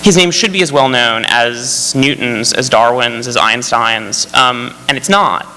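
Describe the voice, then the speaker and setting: A man's voice: mid-range voice, unhurried, bright, forceful tone. A man speaking as a screenwriter on a festival panel, eager and rambling, with many fillers and restarts. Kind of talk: panel discussion. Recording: hall reverb, faint hum.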